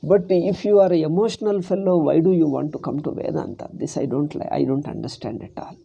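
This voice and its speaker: A man with a South Indian accent teaches in an informal spiritual lecture. His voice is very dark and muted, with a creaky grain. He makes his points emphatically, repeating phrases and posing rhetorical questions. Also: fairly high pitch, brisk, dull audio. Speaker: Vedanta teacher.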